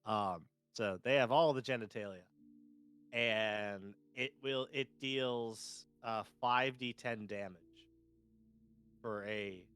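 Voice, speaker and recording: A man playing in a tabletop game over voice chat, explaining things haltingly and restarting often. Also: lowish voice, fairly bright tone, smooth, soft background music. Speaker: player. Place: online voice chat.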